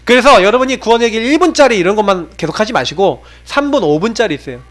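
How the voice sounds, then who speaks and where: A man preaching a sermon to his congregation as pastor, swinging between raised exhortation and low, confiding tones, and asking many rhetorical questions. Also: animated, fast. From South Korea. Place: church sanctuary.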